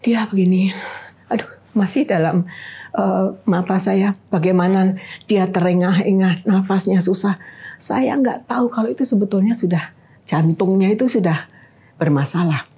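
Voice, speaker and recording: A woman in her fifties, a grandmother, speaking in Indonesian, tells of losing her sons, halting and pausing as she recounts. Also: mid-range voice, mellow, breathy edge. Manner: halting, with pauses and restarts. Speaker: guest. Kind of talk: emotional personal testimony.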